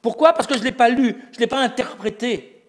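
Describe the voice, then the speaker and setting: In this recorded lecture on religious texts, a man speaks at an extremely high pitch and a quick pace. He explains things step by step, building his argument as he goes, and poses rhetorical questions that he then answers himself.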